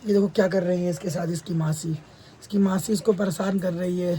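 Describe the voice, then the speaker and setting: A man's voice: sits high, steady tone, brisk, low-quality recording. Chatty young man vlogging from home. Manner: chatty, repeats words in pairs. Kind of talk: casual vlog chat. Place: family home on a rainy day. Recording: phone recording with loud background noise.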